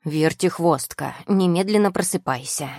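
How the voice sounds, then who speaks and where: A woman voicing a grumpy, loud-mouthed male furry familiar creature who scolds and yells indignantly. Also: on the low side, moderate pace, no echo, studio quality, close to an everyday voice. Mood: grumbling, indignant.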